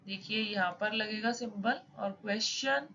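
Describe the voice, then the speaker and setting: A woman teaching a lesson, reading rules slowly and then explaining them casually. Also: mid-range voice, pushed and bright. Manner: reads English rules slowly, then explains in mixed Hindi-English. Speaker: shorthand teacher. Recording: slightly dull with faint noise.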